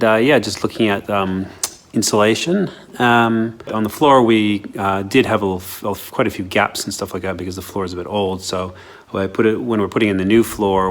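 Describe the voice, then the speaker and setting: Casting note: young man, lowish voice, loose rambling vlog delivery with lots of ums. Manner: rambling, many fillers and restarts. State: out of breath. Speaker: vlogger building a tiny house. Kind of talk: casual vlog update.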